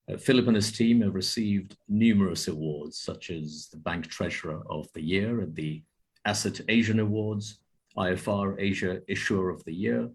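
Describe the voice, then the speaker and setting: Guy moderating an online panel, low husky voice, polite formal intros. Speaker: event moderator.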